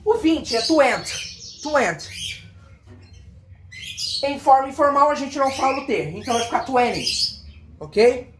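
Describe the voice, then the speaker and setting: Echoey, high-voiced Brazilian teacher. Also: female voice, expressive, background noise. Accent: Brazilian Portuguese. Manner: repeats words slowly, drilling pronunciation. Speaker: English teacher. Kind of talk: casual online lesson. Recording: echoey room with birds outside.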